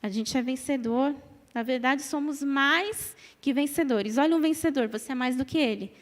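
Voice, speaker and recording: Preaching an emphatic sermon in a reverberant church hall, a Brazilian woman in her thirties speaks with a Brazilian Portuguese accent. Her voice sits high and moves at a moderate pace as she repeats phrases and calls on the congregation to reply.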